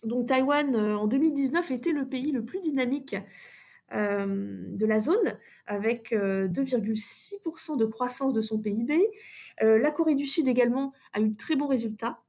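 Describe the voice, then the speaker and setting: A woman presenting in a webinar through a face mask, slightly muffled, with a polite, measured delivery broken by pauses. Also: a little high, darkish tone. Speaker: trade office presenter.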